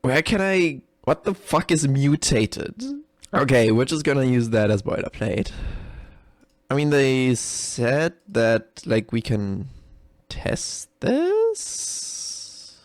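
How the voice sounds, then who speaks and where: Slow-paced, medium-pitched and full of huge pitch swings, this man's voice is captured without echo in clean studio sound. He's a game developer doing unscripted, casual live commentary for a reaction video, rambling, swearing, being self-deprecating and giggling into frequent laughter.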